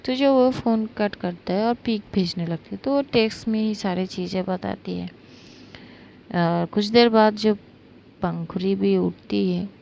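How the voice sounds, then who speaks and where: Young woman storyteller, unhurried casual narration, gravelly, fillers throughout. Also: medium pitch, muffled recording, a little hiss or hum. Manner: relaxed, chatty, with frequent fillers.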